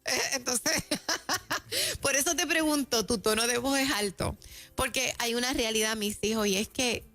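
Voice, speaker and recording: Puerto rican lady doing a faith talk on radio, bit high voice, soft music behind. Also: moderate pace. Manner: chatty, laughs between points. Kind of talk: conversational faith teaching.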